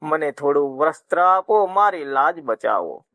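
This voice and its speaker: A man's voice: a little high, lively intonation, a little slow, fairly bright tone, no room sound. A man voicing a poor, ragged woman in a retold legend, begging and tearful.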